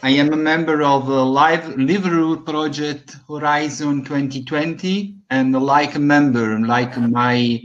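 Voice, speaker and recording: Italian accent guy on a video call, halting, muffled lo-fi sound. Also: a little high, steady tone. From Italy. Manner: halting, searching for words. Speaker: online attendee. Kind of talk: brief self-introduction. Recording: dull lo-fi online call.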